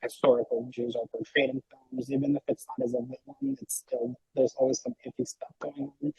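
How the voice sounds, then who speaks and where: Rambling, animated man on a podcast. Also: mid-range voice, brisk, gravelly, rough recording. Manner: rambling, animated, lots of filler words. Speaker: podcast guest. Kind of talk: casual podcast chat.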